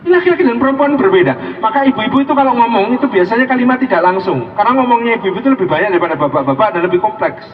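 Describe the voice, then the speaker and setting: A middle-aged man delivers a joking sermon and keeps turning to the men in the crowd. His voice sits high for a man. He was recorded from across a large hall with a long echo, and the sound is dull. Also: lively intonation, rapid-fire, hardly any pauses, recorded from a distance, slight background noise. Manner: jokey, addresses the men in the audience directly. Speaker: preacher. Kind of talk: humorous sermon.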